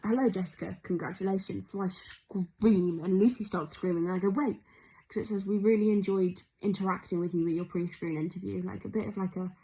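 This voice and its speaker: A young woman from England chatting excitedly in a casual video diary, rambling with lots of fillers and restarts. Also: medium pitch, a little fast, husky, rough recording. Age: young adult. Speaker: vlogger.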